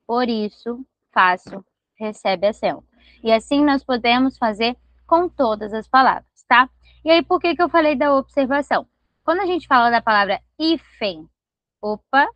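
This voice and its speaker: A woman's voice: a little high, no echo. Patient woman teaching grammar. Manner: patient, explains step by step and checks understanding often. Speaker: Portuguese language teacher. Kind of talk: online grammar lesson. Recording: slightly dull lo-fi audio.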